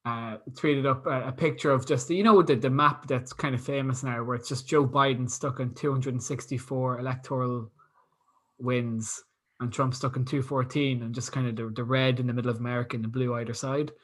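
A man's voice: mid-range voice, fairly even intonation, a little fast, husky. A man hosting a casual chat, talking loosely and laughing as he tells stories. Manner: chatty, laughs while telling stories.

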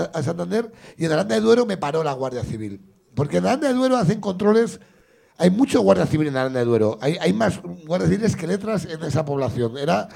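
Gravelly high-voiced man telling stories. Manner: animated, acts out voices in his anecdotes. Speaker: comedian host. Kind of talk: comic storytelling in casual chat.

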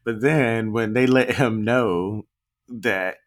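A man co-hosting a podcast in a casual chat, relaxed, recapping scenes with quoted lines and laughs. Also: on the low side, takes it slowly. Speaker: podcast co-host.

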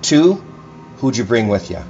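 A man's voice: mid-range voice, normal speed, dull audio, faint music behind. A man speaking as a priest at Mass, addressing a congregation in scripture reading and sermon.

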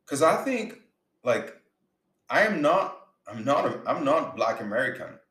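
Speaking at a measured pace, this man from Uganda has a medium-pitched, sing-song, slightly bright voice. He gives an earnest motivational talk about faith and business, repeating words to stress them, in a room with noticeable echo.

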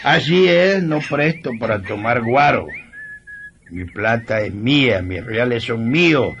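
A man's voice: mid-range voice, expressive, unhurried, fairly bright tone, muffled recording, a little hiss or hum. A man playing a stingy, mocking old moneylender in a radio comedy sketch, scolding. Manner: scolding, teasing, cackling laughs.

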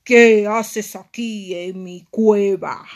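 Woman as villainous grown mermaid for a bedtime tale; loud, drawn-out, bossy. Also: medium pitch, steady tone. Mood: menacing. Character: wicked grown female sea mermaid, bossy.

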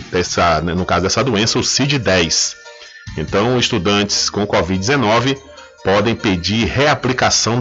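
A man's voice: lowish voice, fairly bright tone, lo-fi sound. A man with a Brazilian accent presenting live news conversationally, repeating himself for emphasis. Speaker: news radio host.

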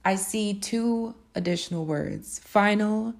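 A woman talks alone into the mic for her podcast, turning ideas over in a musing, spiritual way and slipping in playful asides. Her voice sits mid-range with a gravelly fry running through it. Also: medium pitch, takes it slowly. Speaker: podcast host. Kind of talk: reflective solo podcast monologue.

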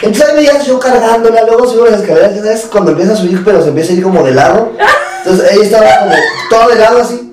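A man's voice: sits high, rapid-fire. A young Mexican man, a podcast co-host, telling a story in casual chat, acting out voices and laughing often. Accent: Mexican Spanish. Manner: animated, acts out voices in his stories, laughs often. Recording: echoey room, mic far off, faint noise.

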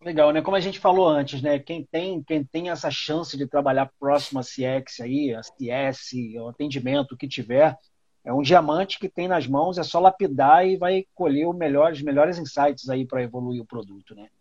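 Casual online show host: male, Brazilian Portuguese accent, informal, higher-than-average pitch, muffled lo-fi call sound. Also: normal speed, a little mellow, no room sound. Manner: informal, slangy, chatty. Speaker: host of an online product management talk show. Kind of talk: casual live interview hosting. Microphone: video call. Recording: dull, lo-fi online call audio.

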